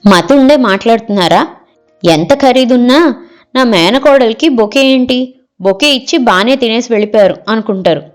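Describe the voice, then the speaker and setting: A woman's voice: on the high side, moderate pace, faint music behind, lightly acted. A woman reading the part of a picky middle-aged wife in an audio story, scolding and rejecting every suggestion.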